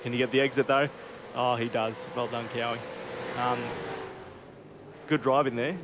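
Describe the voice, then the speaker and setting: A man's voice: mid-range voice, little pitch movement, normal speed. A man giving casual motorsport commentary as co-commentator on a sim race. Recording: constant car engine noise. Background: race cars and engine noise.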